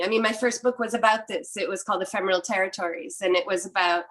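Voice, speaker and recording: Here the Quebec panelist, a middle-aged French-speaking philosopher, has a mid-range, slightly bright voice, though the audio quality is poor. She reflects carefully during the academic discussion, frequently starting her thoughts over.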